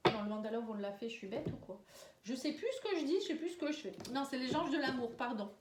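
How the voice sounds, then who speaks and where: High-voiced woman with a head cold. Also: animated, fast talker, background noise. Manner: talks straight to the viewer, tags lines with "hein" and "vous voyez". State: tired. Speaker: tarot and oracle card reader. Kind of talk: casual horoscope card reading to camera. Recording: roomy, resonant sound.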